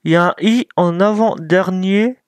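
A man's voice: high-pitched, moderate pace, clear, resonant tone, no room sound. A man giving casual gameplay commentary, thinking aloud while he plays and mocking himself with frequent apologies. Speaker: gaming YouTuber.

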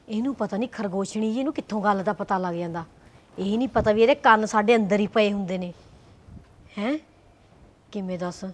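A woman's voice: mid-range voice, lightly acted. A woman playing a sarcastic, grumbling housewife in a village comedy drama.

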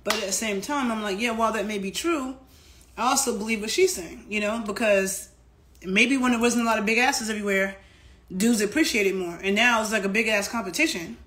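A fitness vlogger from New York talks candidly to her phone camera in an indoor room at home. Her chatty delivery is full of fillers and asides, with a medium-pitched, fairly bright voice at a fairly quick pace.

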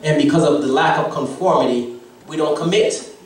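This guest preacher, a man in his thirties from Haiti with a Haitian accent, speaks at a normal speed in a fairly high pitch. He exhorts the congregation with mounting emphasis inside a mid-size indoor sanctuary. The sound comes from a handheld mic and a distant camera, so the church echoes and the congregation can be heard answering.

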